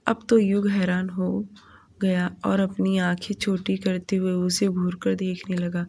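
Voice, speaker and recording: A woman reading her own romance story aloud in an unhurried, even way, voicing the dialogue as she goes. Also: fairly low pitch, a little hiss or hum.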